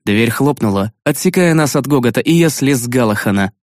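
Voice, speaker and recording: A man narrating a fantasy audiobook in the first person, sardonic and expressive, with sudden jumps in pitch. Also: brisk, no echo, clean studio sound.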